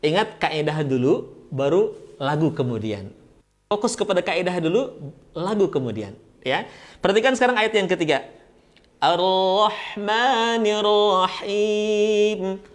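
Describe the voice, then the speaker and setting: A man teaching Quran recitation, explaining pronunciation rules in a friendly way and then chanting each verse slowly. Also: sits high. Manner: light, friendly jokes. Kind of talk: recitation lesson.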